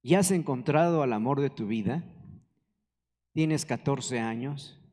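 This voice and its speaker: A man's voice: mid-range voice, a little slow, darkish tone. A man, preaching a conversational sermon and asking the congregation questions. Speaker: pastor. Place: church hall. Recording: reverberant church hall.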